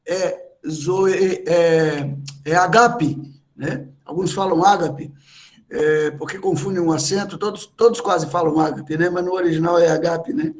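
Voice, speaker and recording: A Brazilian man with a Brazilian Portuguese accent, preaching a teaching sermon and explaining words one by one. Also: high-pitched.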